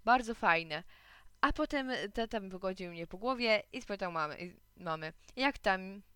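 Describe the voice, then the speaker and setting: Bright crisp woman reading a storybook. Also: mid-range voice, animated, moderate pace, no echo, clean studio sound. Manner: narrates as a young boy in first person. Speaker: reader of a children's story.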